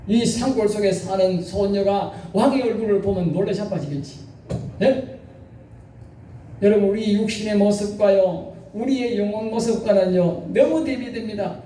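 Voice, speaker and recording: Recorded from far off in an echoey church sanctuary with a little hiss or hum, a male pastor preaches a sermon in a high-pitched, dark voice. He exhorts the congregation and often calls on them to respond.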